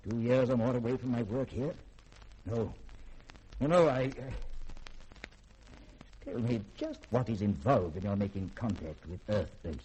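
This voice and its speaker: Unhurried and pausing often, a male actor portrays a secretive, learned middle-aged scientist in 1950s radio drama, his mid-range voice dark and husky as he delivers formal, polished, theatrical lines. He sounds controlled yet uneasy, on a rough recording.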